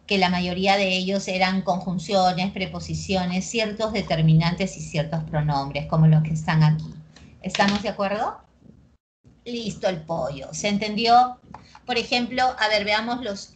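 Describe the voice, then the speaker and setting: A young woman with a Peruvian accent teaching a language class, lively and constantly checking that students follow along. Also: medium pitch. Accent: Peruvian Spanish. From Peru. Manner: lively, keeps checking understanding with quick tag questions. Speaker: pre-university language teacher. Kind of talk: recorded class lecture.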